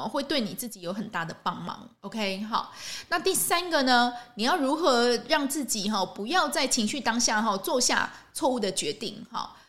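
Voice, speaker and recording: Woman podcast host, fairly high voice, relaxed solo talk, keeps adding "ha" and asking "right?". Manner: ends phrases with a soft "ha" tag, asks rhetorical questions. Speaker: medical worker.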